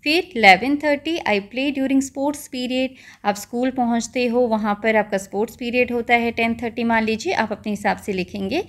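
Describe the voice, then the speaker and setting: A woman teacher, reading English textbook lines slowly and explaining them to children. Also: a little high, fairly even intonation.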